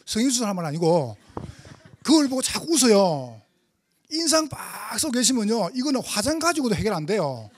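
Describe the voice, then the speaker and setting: Lively Gyeongsang-accented male pastor. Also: sits high, breathy edge, no echo. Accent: Gyeongsang Korean. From Gyeongsang Province, Korea. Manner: animated, humorous preaching with rising exhortations; fast talker. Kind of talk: testimony sermon.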